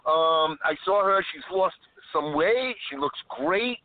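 A man's voice: fairly high pitch, expressive, slow, dry recording. A man telling stories as a caller on a live show, calling in over his car speakerphone while he drives, often stopping to correct himself mid-sentence. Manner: rambling storyteller who keeps interrupting himself. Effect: car speakerphone call while driving. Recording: tinny dry phone line.

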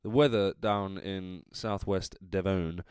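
Drunk, rambling Englishman with low clear voice. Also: fairly even intonation, slow, darkish tone, no echo, studio quality. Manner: rambling, trailing off, self-interrupting. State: drunk, tipsy. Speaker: podcast host. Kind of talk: casual solo podcast chat.

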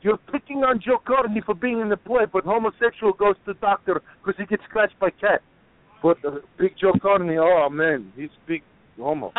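A man puts on a crude, pushy caller, pitched high and steamrolling everyone. The phone line is tinny and dry, with no room around it. He leans on "man" and cuts in constantly. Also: normal speed, no room sound. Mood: brash. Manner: brash, talks over others, drawls "man". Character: brash male Syrian refugee caller, crude.

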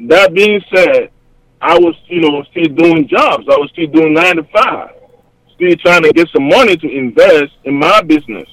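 This hip-hop artist, a man with a Cameroonian accent, sounds fairly high-pitched, expressive and slightly bright as he talks on an interview show via a remote connection. His speech comes in fast, cheerful, wandering bursts full of fillers, captured in a rough, echo-free recording.

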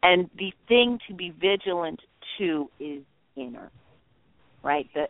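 A man's voice: sits high, lively intonation, measured pace, no echo. A man speaking on speakerphone as a guest on a call-in show, giving an earnest spiritual teaching talk with repetitive phrasing. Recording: tinny dry phone line.

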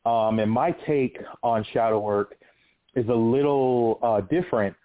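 A man's voice: medium pitch, a little slow. Male caller on a tinny phone line. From California. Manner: earnest, explanatory storytelling. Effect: over the phone. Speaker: radio show caller. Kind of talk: call-in radio discussion.

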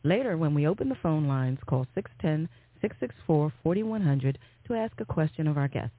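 A woman's voice: sits low, expressive, fairly quick. Tinny phone-line radio host, a woman reading. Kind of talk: scripted radio hosting and news reading.

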